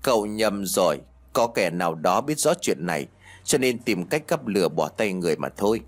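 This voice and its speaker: Male narrator playing an older village sorcerer: deep, solemn, knowing. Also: big pitch swings, moderate pace. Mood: grave.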